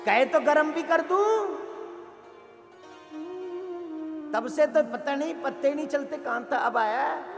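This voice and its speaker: Guy doing a high shrill bossy wife, snappy and loud, big echoey hall with music under it. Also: animated, moderate pace, vocal fry, exaggerated voice. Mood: snapping. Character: shrill scolding housewife, rude and stubborn.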